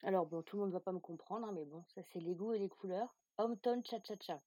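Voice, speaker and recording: A woman guest on a podcast, answering questions candidly, quickly and in a relaxed way. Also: mid-range voice, no room sound. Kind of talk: casual interview answers.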